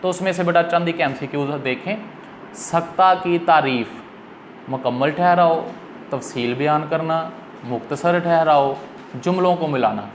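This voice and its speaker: A man's voice: fairly high pitch, a little slow. A male teacher who gives a patient, fatherly exam-prep lecture and calls his students "beta". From Pakistan. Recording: echoey room with faint noise.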